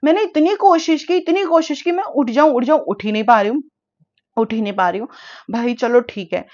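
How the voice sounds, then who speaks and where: A young woman with a high, bright-sounding voice tells a personal story in a loose, animated way. She slips between Hindi and English, full of fillers and restarts. The audio is a bit dull and lo-fi. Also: fairly quick. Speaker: vlogger. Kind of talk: casual storytime.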